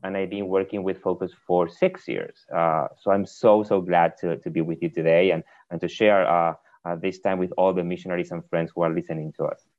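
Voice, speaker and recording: A native Spanish speaker with an Argentine accent appears as a priest guest on a podcast, talking conversationally in a casual interview and often repeating words mid-phrase. His low voice is steady, fairly quick and a little mellow, with the highs cut off.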